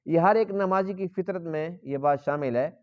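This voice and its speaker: A man with a Pakistani Urdu accent giving a Quran lesson in a mosque, earnestly explaining and asking rhetorical questions. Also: on the high side. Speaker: Quran teacher. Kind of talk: sermon. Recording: dull lo-fi recording.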